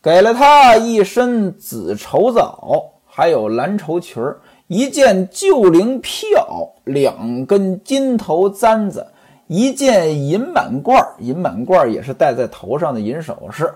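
A male storyteller in a traditional style, turning to his listeners as he narrates. His pitch sits a little high and swings about lively, with a husky grain throughout. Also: takes it slowly.

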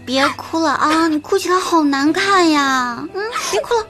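A woman's voice: sits high, normal speed, loud music behind the voice, close to an everyday voice. A woman playing a cheeky, bossy young woman who teases her friend, in an audio drama. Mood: coaxing. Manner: teasing, calls herself "this lady boss". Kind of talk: amateur audio drama acting.

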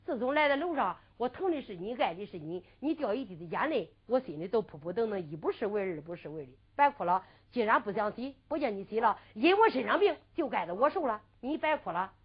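A woman playing a tender young lady, coaxing softly. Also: fairly high pitch, very animated, fairly quick, hardly any pauses. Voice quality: soft coaxing, affectionate. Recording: lo-fi dull recording.

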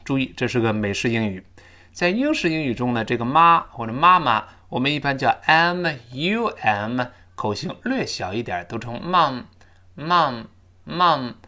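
A man teaching an English lesson, drilling pronunciation with slow, emphatic repetitions. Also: medium pitch, very animated, pushed and bright.

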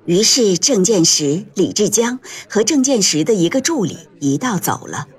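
A woman reading an audiobook aloud in gentle, measured scripted narration. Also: medium pitch, sing-song, slightly rough.

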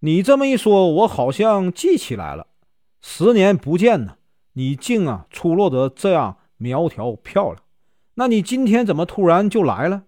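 A man voicing an excitable young scholar. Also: high voice, normal speed, no room sound, studio quality, pitched above the performer's own voice. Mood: eager. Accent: Northeastern Mandarin. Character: young male scholar, startled and smitten.

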